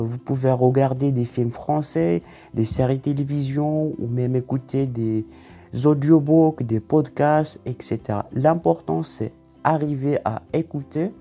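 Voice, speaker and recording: Gravelly, mellow-voiced man teaching a lesson. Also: mid-range voice. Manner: methodical, step-by-step explaining. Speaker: French language teacher. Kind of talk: online lesson to camera.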